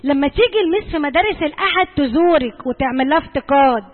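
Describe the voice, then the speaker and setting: Fast, high-voiced Egyptian woman. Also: lively intonation, long reverb tail, narrow, tinny audio. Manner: earnest, direct, frequently repeats points for emphasis. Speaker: church servant advising mothers. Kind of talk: church talk to mothers.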